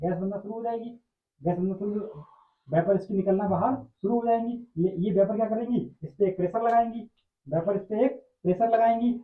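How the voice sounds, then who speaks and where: A male chemistry teacher, explaining a lesson, repeating phrases and asking and answering his own questions. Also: high-pitched. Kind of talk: classroom-style explanatory lecture. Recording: echoey room over tinny phone-like line.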